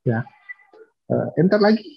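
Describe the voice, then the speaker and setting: A man preaching a sermon in a conversational way, pausing to correct himself and acting out the voices he quotes. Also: on the high side, sing-song, gravelly, breathy edge, muffled recording. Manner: conversational, with fillers and self-corrections.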